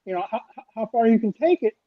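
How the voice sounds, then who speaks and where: A man's voice: extremely high pitch, expressive, fast talker, no echo. A man on a podcast who stammers and repeats words while making his point in a casual group debate. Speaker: podcast co-host. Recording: dull, muffled mic.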